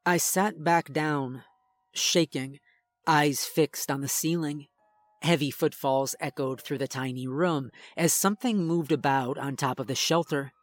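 A man's voice: fairly high pitch, measured pace. Tense man narrating a horror story. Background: faint music.

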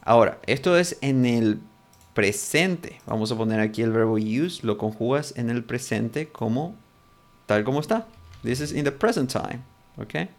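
Male teacher, unhurried delivery, patient, repeats each example, mid-pitched voice. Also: animated. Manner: slow and patient, repeats examples, checks in often. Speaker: language teacher. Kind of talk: explaining a lesson.

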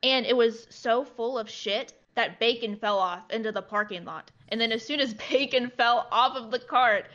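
A young woman telling a long story in a relaxed chat, her voice bright and somewhat high. She leans on "like" fillers constantly. The recording sounds slightly lo-fi. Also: normal speed, few pauses. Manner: chatty, heavy use of "like" fillers.

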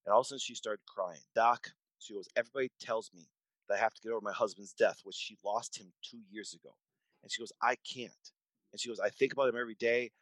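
A man's voice: on the low side, fairly even intonation, fast, a bit bright, dry recording, low-quality recording. A man in his forties speaking as a doctor in an interview, emphatic and repetitive, often restarting his sentences. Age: 40s. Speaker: podcast guest, doctor. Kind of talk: conversational interview storytelling.

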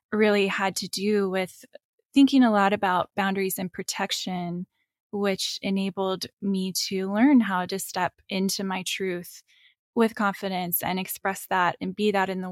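A woman guest talking through ideas in a thoughtful, unhurried way, with frequent fillers. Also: mid-range voice, dry recording, studio quality. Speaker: guest, spine and energy teacher. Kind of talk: reflective interview talk.

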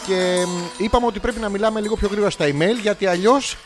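A man co-hosting a podcast in casual banter, teasing and arguing with loud bursts. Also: high voice, soft background music. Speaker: podcast co-host. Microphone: studio microphone.

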